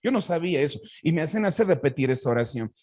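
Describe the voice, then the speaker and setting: A man's voice: fairly high pitch, expressive, rapid-fire, a little mellow, no room sound. A Bolivian man with a Bolivian Spanish accent, a pastor telling his personal faith testimony in an earnest, heartfelt way with frequent restarts.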